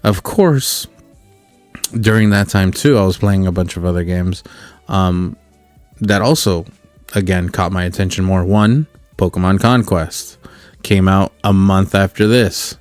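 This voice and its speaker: Low-voiced man in casual game chat. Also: unhurried, a little mellow, no echo, soft background music. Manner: rambling, many fillers and restarts. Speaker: podcast co-host. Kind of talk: casual chat about video games.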